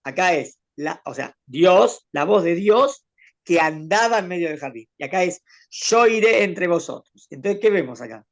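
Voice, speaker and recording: Man, rabbi, gravelly creaky voice, slightly high, patient conversational teaching. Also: expressive, normal speed. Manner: explains patiently, poses questions to the student. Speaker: rabbi teaching a Torah class. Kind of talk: conversational Torah lesson with a student.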